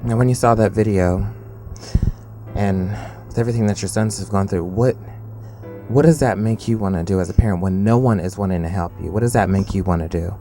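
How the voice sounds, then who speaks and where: A man, a reporter, asking quick probing interview questions. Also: on the low side, dark tone, soft background music.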